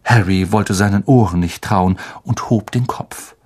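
A man narrating a children's story in an expressive audiobook style. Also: fairly low pitch, measured pace, breathy edge.

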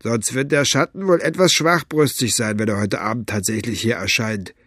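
A man's voice: medium pitch, moderate pace, a bit bright, no echo, studio quality, natural voice. A man voicing a coarse, smug male henchman who mocks and gloats. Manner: gloating, sneering, grunting.

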